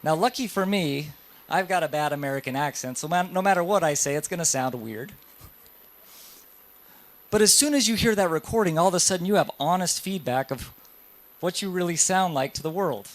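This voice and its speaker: A man in his thirties lectures a roomful of dentists, his voice sitting a little high for a man. He tells stories with plenty of swing and puts questions straight to the audience. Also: fairly quick. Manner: lively storytelling, addresses audience directly. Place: lecture hall.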